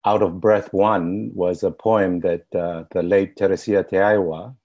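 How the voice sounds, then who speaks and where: A man standing in as a poet, explaining a poetic benediction and then reciting his poem in a slow, measured way. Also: deep voice, steady tone, lo-fi sound.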